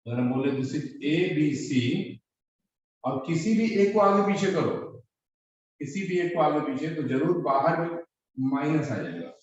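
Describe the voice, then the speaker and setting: A man teaches a maths class in a slightly high voice. His words ring out in a very echoey room, picked up from a distance on a muffled recording. He repeats each term and keeps checking that the students follow. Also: animated, unhurried. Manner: drills students, repeats key terms, asks if they follow. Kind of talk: classroom lecture.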